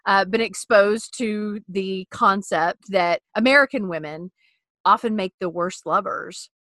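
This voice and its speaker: A woman hosting a casual podcast, playful and quick to laugh. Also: medium pitch, no room sound. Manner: laughs often, animated and playful. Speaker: podcast host.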